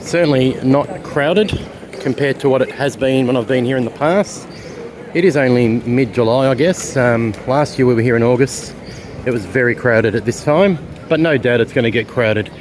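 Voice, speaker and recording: A man's voice: medium pitch, moderate pace. Chatty Australian man on a street walk. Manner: chatty, rambling, with fillers. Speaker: travel vlogger. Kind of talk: casual walking tour narration. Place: outdoors on city streets. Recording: street noise behind.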